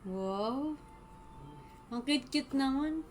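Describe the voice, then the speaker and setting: A woman's voice: high-pitched, expressive, takes it slowly, slight background noise. A woman from the Philippines with a Filipino accent, hosting a casual livestream, chatty and reading viewers' comments aloud and answering them. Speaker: livestream host.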